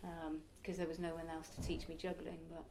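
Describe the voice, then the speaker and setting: A deep, slightly mellow female voice, monotone and fairly quick, answers interview questions against slight background noise. The speaker is a circus performer and youth circus teacher in her early forties, chatty and reflective, laughing at times.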